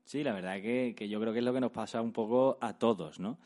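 A man co-hosting a casual comedic chat, with dry, deadpan quips. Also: medium pitch, brisk.

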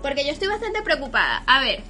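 Bright high-voiced woman co-host. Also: very animated, quick pace, soft background music. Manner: chatty, questioning. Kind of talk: casual comedy chat.

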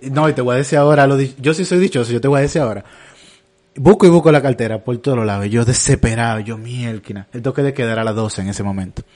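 A Dominican man hosts a casual podcast chat. He tells an everyday mishap in a relaxed, self-mocking way, full of street slang. His voice sits at an ordinary middle pitch. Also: racing. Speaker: podcast host.

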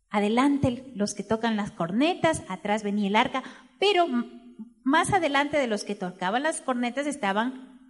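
Woman preaching with dramatic swings. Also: a little high. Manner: storytelling, asks the congregation questions, swings from hushed to loud. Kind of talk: sermon. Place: church.

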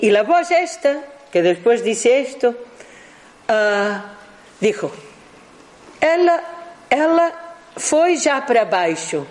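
A speaker talks through their own recordings in an unhurried, measured way. They stop and restart often and correct themselves, explaining each point as if to a class. The voice sits in a middle register. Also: medium pitch, darkish tone, low-quality recording. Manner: halting, with frequent restarts and self-corrections. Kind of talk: slow explanatory talk.

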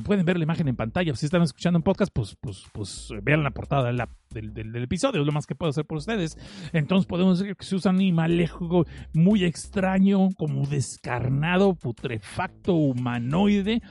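Rich: A fairly high-voiced man with a Mexican accent recaps a film for his podcast. He rambles and jokes, cutting himself off mid-sentence to add asides. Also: vocal fry, darkish tone. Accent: Mexican Spanish. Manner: rambling, joking, self-interrupting. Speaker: podcast host.

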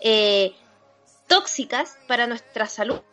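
A young Chilean woman co-hosts a podcast in casual conversation. She has a high voice, recorded with a slightly muffled sound and faint music behind her. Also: expressive, takes it slowly, sharp tone. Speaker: podcast co-host. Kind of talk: casual chat. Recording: dull lo-fi audio.

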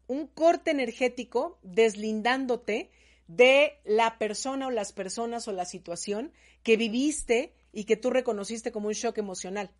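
A woman, a therapist speaking straight to the listener, animated and emphatic as she gives advice. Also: fairly high pitch. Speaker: energy healing therapist. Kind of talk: talk to camera giving advice.

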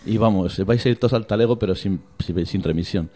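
A man's voice: on the low side, a little fast, mellow. A middle-aged man, a radio guest teasing and telling gossip with many restarts. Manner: chatty, teasing, hesitant restarts. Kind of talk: joking radio chat.

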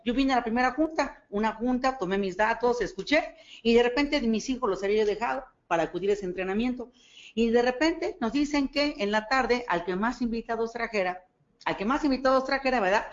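A woman with a Mexican Spanish accent gives a motivational talk, her voice sitting a little high. She tells stories with animation, acting out the dialogue and checking that her listeners agree. The recording is dull and lo-fi. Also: a little fast. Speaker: network marketing speaker.

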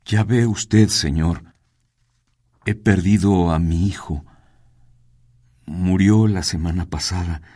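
A grieving old sleigh driver in a storybook reading speaks in a choked, subdued way, voiced by a man. The voice is very deep and timid, the voice of someone who barely dares to talk. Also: expressive, slow pace, pauses often, a little mellow, husky, full character voice. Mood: choked grief.

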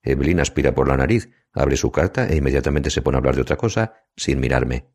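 A man narrating a novel in the first person, sardonic and measured. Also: extremely low pitch, darkish tone, husky. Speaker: audiobook narrator.

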